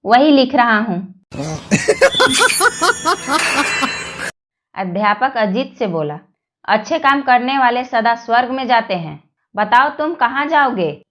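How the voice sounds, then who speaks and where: Woman telling jokes real slow, kinda high voice, roomy echo. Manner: slow, even joke telling with quoted lines. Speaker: joke narrator. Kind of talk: reading jokes aloud.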